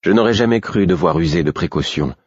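A man with a very deep, husky voice narrates a fantasy audiobook at a measured pace. The recording is dry and close, with a dull, muffled sound. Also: expressive, no room sound. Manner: measured storytelling. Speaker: audiobook reader.

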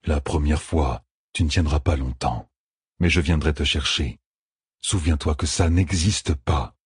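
A solemn male wolf guide voiced by a male narrator murmurs in a deep, rough, very husky voice. He speaks slowly and quietly, like a calm mentor. The reading is dry and close. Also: dry recording, exaggerated voice. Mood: grave warning.

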